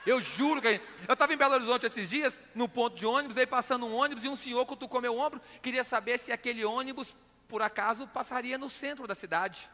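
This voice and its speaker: A man from Minas Gerais with a Minas Gerais accent, a stage magician and comedian doing a live act with playful, energetic joke-telling and shouted punchlines. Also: very high voice, fast. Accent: Minas Gerais Portuguese. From Minas Gerais, Brazil. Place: large live event stage. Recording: live hall with long reverb.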